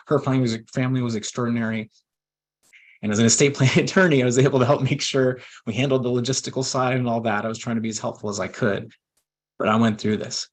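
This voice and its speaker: A man in his forties, lower-voiced than most, tells a personal story in a webinar. He speaks earnestly and heartfelt, with fillers, pauses and restarts. His voice is emotional at times. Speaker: estate planning attorney.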